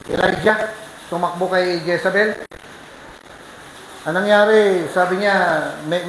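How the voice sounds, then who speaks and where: Preaching in a church, a pastor tells a story with energy and keeps asking the congregation questions to involve them. The voice is mid-range, and the poor audio has an echoey room sound with slight background noise.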